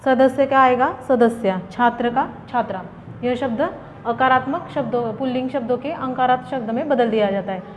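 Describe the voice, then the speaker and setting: A woman's voice: sits high, moderate pace, a little hiss or hum. A woman teacher giving a grammar lesson, reading out example words and asking and answering her own questions. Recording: dull reverberant room recording.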